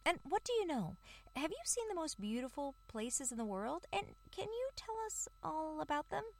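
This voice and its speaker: Woman doing squeaky little storybook mice. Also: moderate pace, gravelly, full character voice. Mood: eager. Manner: high excited squeaking questions. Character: small curious squeaky mice, eager and chattering. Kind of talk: storybook reading.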